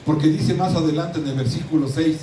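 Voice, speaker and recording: A middle-aged Mexican pastor delivers a sermon with insistent emphasis, repeating and restarting his words in a slightly high voice, a little fast. He sounds far from the mic in an echoing hall with steady ambience and slight background noise.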